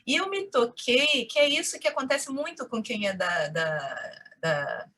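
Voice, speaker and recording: Bright-voiced Carioca woman, chatty storyteller. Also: a little high, unhurried. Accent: Rio de Janeiro Portuguese. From Brazil. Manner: animated storytelling, frequent "né?". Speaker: interview guest. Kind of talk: conversational interview.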